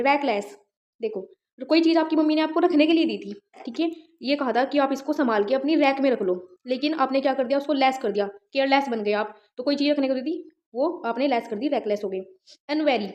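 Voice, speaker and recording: A woman's voice: high voice, a little mellow. A woman teaching an exam-prep vocabulary lesson, explaining words with memory tricks and often checking that students follow. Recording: dull, lo-fi sound.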